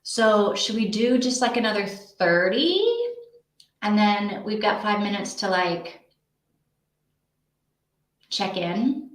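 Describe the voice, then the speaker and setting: A woman with a medium-pitched voice hosts a casual livestream for a reading sprint, taking her time and pausing frequently. She rambles as she thinks aloud, and the untreated indoor room gives the audio an echo.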